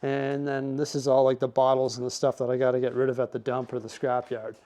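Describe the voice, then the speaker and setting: A man's voice: mid-range voice, little pitch movement, brisk, mellow. A man chatting casually and upbeat in a vlog as he tidies his garage and studio, rambling through asides. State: out of breath. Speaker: vlogger.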